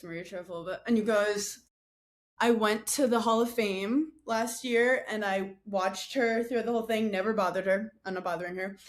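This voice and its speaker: A young adult woman, a podcast guest chatting casually, telling stories in an animated, self-mocking way. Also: medium pitch, normal speed. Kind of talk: casual chat.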